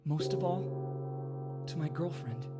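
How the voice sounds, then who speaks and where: An actor voicing a meek young man giving a soft, earnest apology. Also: fairly high pitch, slow, over loud music. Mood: contrite. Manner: soft, earnest, contrite reading.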